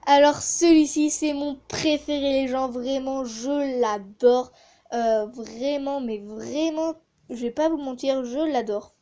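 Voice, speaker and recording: A woman's voice: sits high, fairly even intonation, takes it slowly, dark tone. A woman chatting casually in a vlog, with many hesitations, reviewing voice changer effects. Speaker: gaming YouTuber testing a voice changer app.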